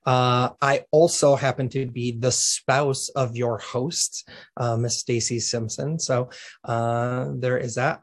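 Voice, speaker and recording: Relaxed joking man, podcast guest. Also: mid-range voice. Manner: relaxed and joking, with frequent uh and um fillers. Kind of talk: casual podcast chat.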